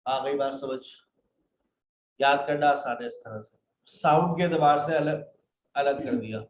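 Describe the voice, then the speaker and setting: A man's voice: medium pitch, measured pace. A man teaching an online English class, patiently reading out word lists and calling his students "beta". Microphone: computer mic in a live video class. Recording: roomy, dull online class audio.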